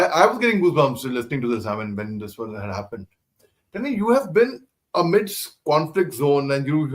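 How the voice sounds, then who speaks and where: A man with an Indian English accent interviewing casually, often repeating words and slipping into Hindi. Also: fairly high pitch.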